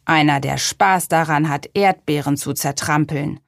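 A woman's voice: sits low, big pitch swings, takes it slowly, husky, no room sound, studio quality, exaggerated voice. A woman voicing a grumpy little male apple man in a storybook reading, speaking in a grim, growling way.

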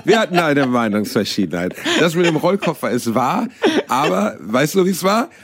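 A man's voice: a little high, sing-song, moderate pace, fairly bright tone, husky. A man co-hosting a comedy podcast who tells stories animatedly and acts out both sides of a quarrel. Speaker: podcast co-host. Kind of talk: casual comedy chat, storytelling.

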